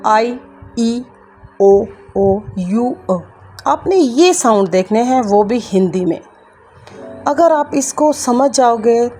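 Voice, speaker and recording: A woman's voice: fairly high pitch, warm tone. A woman from India with an Indian accent teaching English grammar in a patient, repetitive way, speaking to her students as kids. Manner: patient, repeats key points, addresses students as kids. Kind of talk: grammar lesson explaining at a board.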